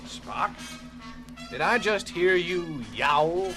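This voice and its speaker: An actor playing an irascible, sarcastic starship doctor, grumbling and excitable, in an audio drama. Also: male voice, high-pitched, drawn-out words, full character voice. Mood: sardonic. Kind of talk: dramatic audio theater acting. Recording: music under the voice.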